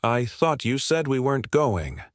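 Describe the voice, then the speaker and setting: A man voicing a calm, dry country vet. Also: mid-range voice, measured pace, dry recording, voice pushed up. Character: calm, dry older male country veterinarian.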